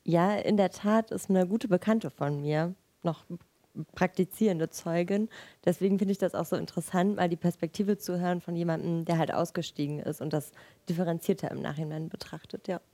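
A woman's voice: lowish voice, fairly even intonation, brisk, warm tone, dry recording. A woman from the audience asking a question and talking in a plain, friendly, direct way.

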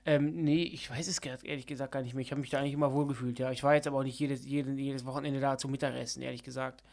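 A man's voice: medium pitch, level tone, rapid-fire, creaky, darkish tone. A young man co-hosting a podcast in casual, joking chat, mumbling his words and sometimes yawning or sniffing. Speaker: podcast co-host.

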